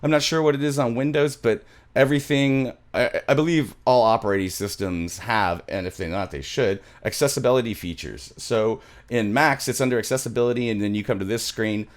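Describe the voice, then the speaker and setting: A middle-aged man runs a casual screen-share music production tutorial, rambling and often repeating himself. He talks briskly at medium pitch with few pauses, while music plays from the software.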